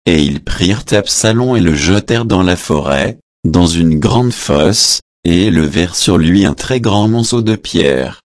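A man giving a scripted Bible reading in a slow, measured way, announcing the verse numbers as he goes. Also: deep voice, expressive, no echo, clean studio sound. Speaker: scripture reader.

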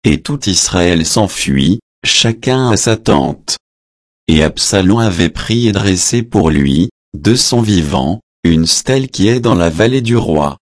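A man reading scripture aloud in a measured, solemn way, announcing verse numbers and adding short translation notes. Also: deep voice, lively intonation, dry recording, studio quality. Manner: adds short translation notes between passages.

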